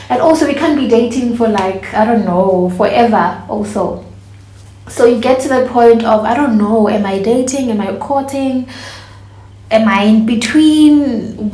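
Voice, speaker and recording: A woman's voice: medium pitch, a little mellow. A woman, chatting casually to camera as a vlogger and laughing often. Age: 20s. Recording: echoey room.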